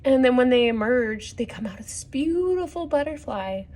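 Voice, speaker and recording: At a children's story time, a woman with a high-pitched, animated voice reads a picture book aloud at normal speed. Along the way she offers gentle instructive comments and puts questions to the listeners.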